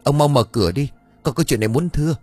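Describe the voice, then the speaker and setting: A man's voice: fast talker, a little mellow, slightly rough, no echo, soft background music, natural voice. A man voicing a frantic young male servant in a spoken story. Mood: urgent. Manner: frantic, high-pitched pleading.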